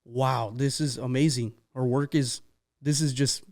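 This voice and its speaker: In a studio podcast interview, a male host chats in an upbeat, casual way, often repeating his guest's answers back. His voice is medium-pitched and darkish, steady in tone and measured in pace.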